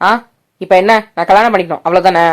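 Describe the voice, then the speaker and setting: A sulky, defiant young man, as a woman acts him out in a story voice-over. She drops her voice lower than her own and talks in a flat, grudging way. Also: quick pace, close to an everyday voice.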